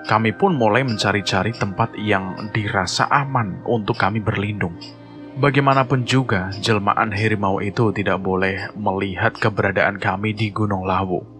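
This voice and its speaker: A man telling a horror story in measured, suspenseful scripted narration, with music playing behind. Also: fairly low pitch, fairly even intonation, fairly bright tone.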